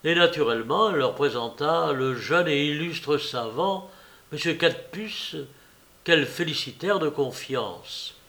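A man reads a story aloud with measured storytelling. His voice is fairly high, and he paces the sentences very slowly. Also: expressive, pushed and bright. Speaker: narrator. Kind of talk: audiobook reading.

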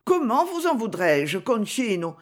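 A reader voicing a queen in a historical novel, speaking with gravity and a sinister calm, in a lively, slightly husky voice. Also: mid-range voice, unhurried. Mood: grave, calm. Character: queen, grave, calm and coldly menacing woman. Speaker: character in a read novel. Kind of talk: audiobook reading.

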